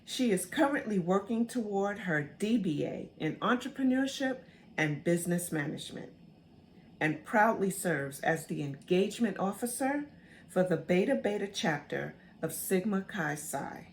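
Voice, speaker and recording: A woman host reading a formal, scripted introduction of her guest in a measured way. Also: fairly low pitch, animated, a little hiss or hum.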